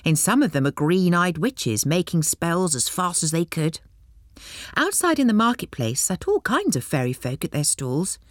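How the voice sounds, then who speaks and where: A woman reading a children's storybook aloud in an expressive storytelling style. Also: fairly low pitch, normal speed, no room sound, studio quality. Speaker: narrator.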